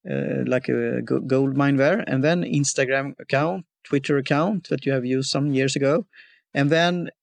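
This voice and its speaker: A man hosting a podcast interview, talking haltingly and often stopping to search for words. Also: medium pitch, vocal fry, no echo. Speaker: podcast host. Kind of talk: casual interview.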